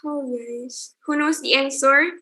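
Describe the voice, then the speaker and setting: A woman's voice: sits high, steady tone, measured pace, sharp tone, a little hiss or hum. A young woman hosting an online student event, calling on delegates one by one and encouraging them.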